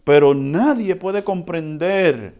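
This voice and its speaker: A man's voice: on the high side, takes it slowly. Conversational preaching man. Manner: conversational preaching, asks the congregation for responses; lively swings between soft and loud, with chuckles. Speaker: pastor. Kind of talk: sermon.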